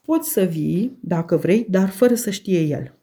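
A woman's voice: lowish voice, animated, dark tone, slightly rough. A woman reading aloud voices Heathcliff, a cold, sardonic middle-aged man who speaks with contempt. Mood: calculating.

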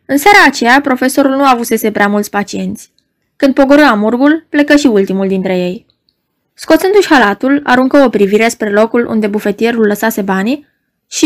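A woman reading a novel aloud as narrator, in an even, measured storytelling manner. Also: fairly high pitch. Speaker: audiobook narrator. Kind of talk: scripted narration.

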